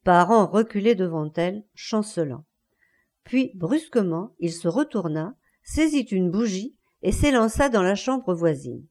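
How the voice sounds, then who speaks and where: Narrating an audiobook of a classic novel, a woman delivers a measured, expressive reading in a medium-pitched voice.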